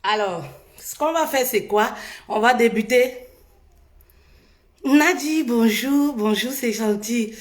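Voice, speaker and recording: Female live host, high and unhurried, animated, echoey room, faint music behind. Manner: sings playfully between greetings; animated, urging viewers. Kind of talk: casual live chat.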